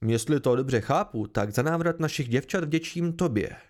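A man reading an audiobook, voicing a gruff middle-aged village mayor who is suspicious and quick to anger, with a creaky voice. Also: mid-range voice, lively intonation, darkish tone, natural voice. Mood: hearty.

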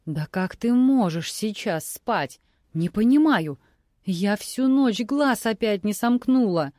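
A woman reading aloud voices a shrill, tearful, accusing middle-aged ex-wife who nags and taunts. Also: very animated, measured pace, darkish tone, no echo, studio quality.

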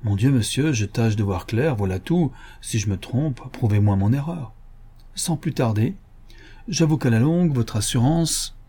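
A man voicing a calm, self-assured gentleman detective in an audiobook, explaining his reasoning in a slightly dogmatic tone. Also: mid-range voice, moderate pace, slightly rough. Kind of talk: audiobook character reading.

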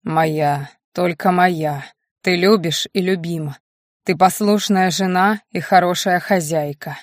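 Woman voicing a low, hushed werewolf husband. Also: slow pace, no room sound, studio quality. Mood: hypnotic. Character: possessive male werewolf husband, domineering.

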